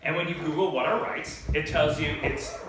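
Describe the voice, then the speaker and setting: Energetic man in an echoey hall. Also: fairly high pitch, moderate pace, background noise. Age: 30s. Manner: energetic, playful, conversational. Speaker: youth workshop leader. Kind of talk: lively talk to a youth audience. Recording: echoey hall recorded from far off.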